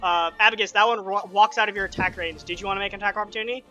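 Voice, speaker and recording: Bright-voiced man running a tabletop game. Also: high voice, lo-fi sound, soft background music. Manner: quick rules talk broken by animated narration. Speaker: game master.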